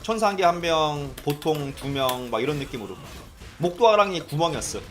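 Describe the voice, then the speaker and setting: A young man from South Korea casually telling stories, animated and often mimicking people he quotes. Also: a little high, fairly quick, a little hiss or hum. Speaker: streamer recalling arcade days. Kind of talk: casual storytelling chat.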